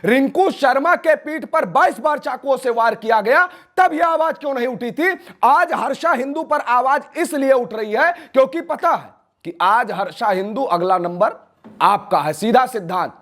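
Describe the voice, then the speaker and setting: A man's voice: very high voice, lively intonation, moderate pace, a bit bright. A man with an Awadhi Hindi accent, a nationalist speaker answering interview questions in a fiery, declamatory way full of rhetorical questions.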